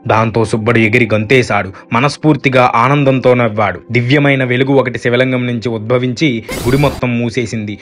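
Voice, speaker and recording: Casting: male storyteller, steady and expressive, mid-pitched, dramatic narration. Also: fairly quick, soft background music. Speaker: storyteller, channel host.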